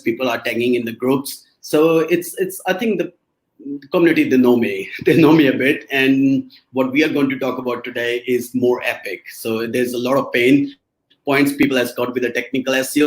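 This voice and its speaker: A man speaking as a presents as a guest expert on a live stream. His voice is mid-pitched, and he talks casually, hesitating, restarting sentences and laughing often. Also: rough recording. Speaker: SEO agency guest expert.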